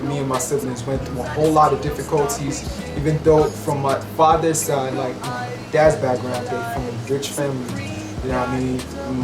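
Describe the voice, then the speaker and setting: A musician giving an emphatic, preachy interview monologue, often asking if you know what he means. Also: mid-range voice. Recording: roomy echo with music behind.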